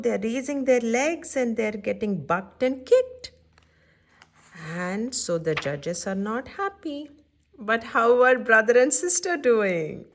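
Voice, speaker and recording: This is a woman hosting children's story time, reading a picture book at an unhurried pace with animated, shifting pitch. Between passages she offers simple asides and frequently makes sure the little ones are following.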